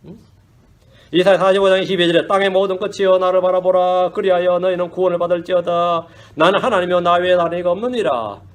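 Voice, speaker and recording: A male pastor preaching a sermon in an animated way, asking the congregation questions and mixing in English phrases. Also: sits high, fast talker. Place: church.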